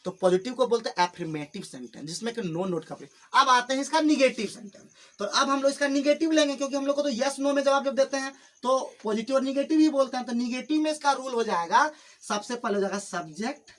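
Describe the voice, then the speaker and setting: An extremely high-pitched male English teacher works patiently and slowly through a spoken English lesson delivered in Hindi. With students in the classroom, he repeats his explanations and addresses them fondly. It was recorded on camera, no microphone involved.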